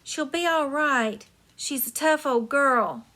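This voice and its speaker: A woman voicing a tired but kind working father in a storybook read-aloud, talking in a lower, reassuring tone. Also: slow, pushed and bright, heavily acted.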